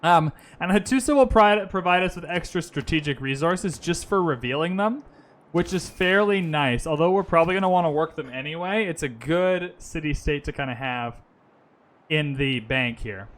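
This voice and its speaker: This is casual gaming commentary from a man living in Vancouver, who talks through a strategy game on a live stream at normal speed. Expressive and a bit high-pitched, his bright, forceful voice muses loosely over each move, pausing to reply to viewers.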